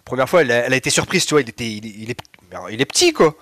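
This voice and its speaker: A man narrating as game master of a tabletop game, briskly calling out rolls and turns. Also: mid-range voice, lively intonation, fairly bright tone, no room sound, studio quality.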